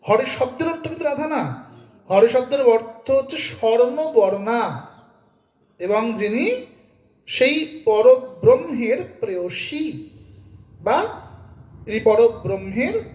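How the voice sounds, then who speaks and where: High-voiced man preaching in an echoey room. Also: darkish tone. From Bengal. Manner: quizzes listeners with repeated questions. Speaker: devotional scripture reader and preacher. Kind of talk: devotional sermon with sung chants.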